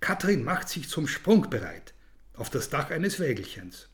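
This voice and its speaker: A man narrating a children's story in an expressive, storytelling manner. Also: on the high side, a little slow, noisy background.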